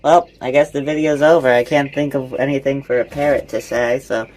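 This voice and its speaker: A man's voice: medium pitch, steady tone, a little fast, a little mellow, poor audio. A man hosting a comedy voice acting video in a playful, casual way.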